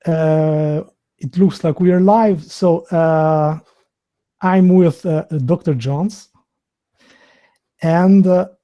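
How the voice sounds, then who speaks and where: A man in his thirties, a native Albanian speaker from Albania with an Albanian accent, hosts a live online video interview, hesitating often with lots of fillers and restarts. His voice is a little high and dark in tone, with fairly even intonation.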